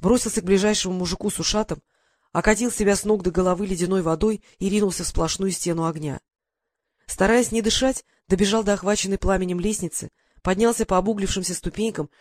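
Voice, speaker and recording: A man reading a first-person adventure story aloud in steady storytelling style with dramatic lifts. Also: sits high, fast talker, no room sound, studio quality. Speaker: audiobook narrator. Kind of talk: scripted first-person narration.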